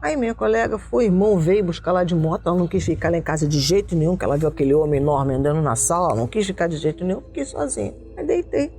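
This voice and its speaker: A woman's voice: on the low side, animated, very fast, few pauses, dark tone, faint music behind. A woman from Rio de Janeiro, an interview guest telling a personal story with vivid retellings and quoted voices.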